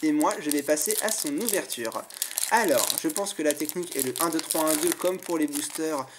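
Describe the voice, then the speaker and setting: A man's voice: a little high, normal speed, background noise. A man hosting his own channel, chatting casually and enthusiastically as he opens a pack of trading cards and admires each one aloud. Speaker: YouTube channel host. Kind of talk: casual card-pack opening commentary.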